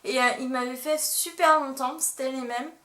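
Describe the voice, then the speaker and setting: A woman's voice: high voice, fairly even intonation, moderate pace, bright, forceful tone. A young woman chatting casually in a beauty haul vlog, full of fillers and restarts. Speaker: beauty vlogger. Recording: echoey room with faint noise.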